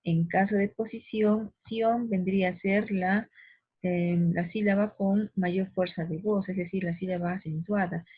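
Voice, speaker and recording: Husky woman teacher on a tinny line. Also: medium pitch, fairly even intonation, dry recording. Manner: patient, slows down to stress syllables, addresses listener directly. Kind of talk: explanatory grammar lesson. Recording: dry phone-like recording, husky.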